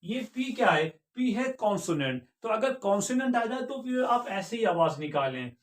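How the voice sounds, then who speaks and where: High-voiced Indian man teaching pronunciation. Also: big pitch swings, echoey room. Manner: repeats each word slowly after asking the class questions. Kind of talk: classroom-style video lesson.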